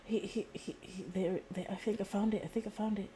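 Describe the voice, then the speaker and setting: Chatting casually during a live stream, a woman gamer rambles bluntly in slang and frequently repeats herself. Her warm, mid-range voice stays steady and brisk. Game audio and faint background noise can be heard.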